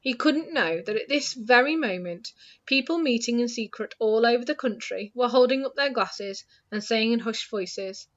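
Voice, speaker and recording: A woman reading a storybook aloud in a steady, hushed way that softens at the ends of lines, in a dull lo-fi recording. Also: fairly high pitch, normal speed.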